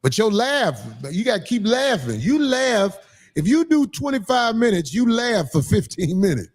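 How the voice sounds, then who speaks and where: A man hosting a livestream, telling stories in casual chat with animated, profane delivery. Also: sits high, moderate pace. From Chicago, Illinois. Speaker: livestream host.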